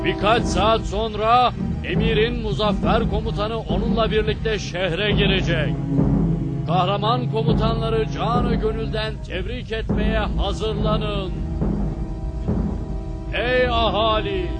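Town crier, high voice, slow stretched public proclamation, historical drama, music underneath. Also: male voice, fairly even intonation, low-quality recording. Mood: proclaiming, formal. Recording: music behind the voice.

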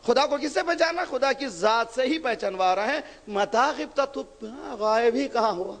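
A man preaching an impassioned sermon, firing rhetorical questions at the audience and swelling to shouts. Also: extremely high pitch, expressive, vocal fry. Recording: long reverb of a large hall.

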